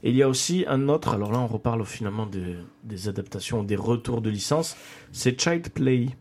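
A man's voice: fairly low pitch, a little fast, a little mellow. A man hosting a radio show who presents upcoming film releases in a casual roundtable chat. He often restarts and repeats his words.

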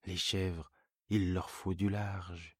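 A man voicing a stubborn young female goat who longs for freedom and answers quietly and politely, in a bedtime story reading. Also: low-pitched, little pitch movement, slow, husky, dry recording, clean studio sound, heavily acted. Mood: stubborn, yearning.

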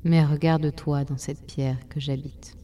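A woman voicing Time, soft and deep. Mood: calm, slow. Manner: slow, calm, unhurried. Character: Time, a slow old voice inside a stone.

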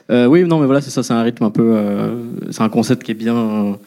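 Man, mellow voice, hesitant off-the-cuff stage chat. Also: medium pitch. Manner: hesitant, many ums, halting. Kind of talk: casual live chat.

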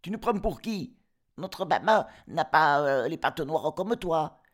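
A man voicing a bunch of cheeky young goat kids in a comic storybook reading, loud and mocking. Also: high voice, fairly even intonation, measured pace, pitched above the performer's own voice. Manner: cheeky, shouting, slangy.

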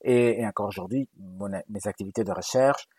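Husky Spanish-accented man, low voice. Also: normal speed, darkish tone, no room sound. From Galicia, Spain. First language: Galician. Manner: thoughtful, hesitant with frequent fillers and restarts. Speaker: guest linguist. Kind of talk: conversational interview.

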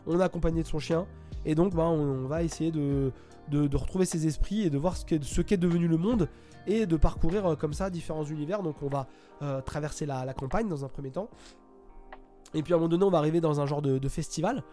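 Guy rambling through a game review at his computer, mellow voice, lots of uh and restarts, faint music behind. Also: fairly high pitch, quick pace. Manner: hesitant, many fillers and restarts. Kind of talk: casual spoken game review. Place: home, at a computer.

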